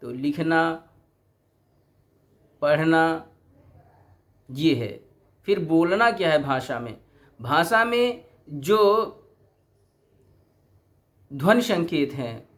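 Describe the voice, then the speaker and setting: Middle-aged male lecturer, unhurried, slightly high voice, rhetorical teaching manner. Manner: deliberate, poses rhetorical questions. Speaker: teacher educator. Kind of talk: explanatory lecture.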